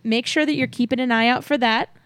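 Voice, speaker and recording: Cheery, higher-pitched woman podcast host. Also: steady tone, a little fast, fairly bright tone, no echo, studio quality. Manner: cheery, enthusiastic, addressing listeners directly. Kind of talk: upbeat podcast announcement, chatty.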